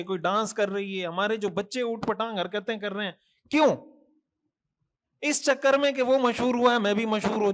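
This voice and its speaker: A man's voice: high voice, a bit bright. A man, a mufti giving a Thursday night sermon, earnest and admonishing, with many rhetorical questions and repeated lists. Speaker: mufti preacher.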